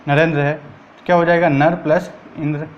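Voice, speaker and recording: High-voiced man teaching grammar. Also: level tone, normal speed, lo-fi sound, slight background noise. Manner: repetitive, asks and answers his own questions. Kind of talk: exam-prep grammar lesson.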